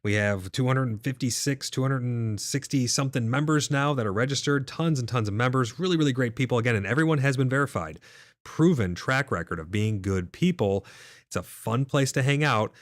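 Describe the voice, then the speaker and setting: A medium-pitched man talks briskly as host of a gaming livestream, reading out chat and replying casually to viewers. There's a mild nasal, blocked-up quality to his voice. It's a dry, studio-quality recording.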